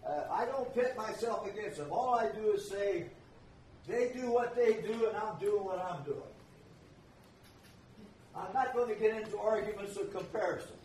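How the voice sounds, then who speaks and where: A man's voice: sits high, moderate pace, a little mellow, slight background noise. An older man preaching a sermon, emphatic and repeating his key phrases. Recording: echoey room, voice from far off.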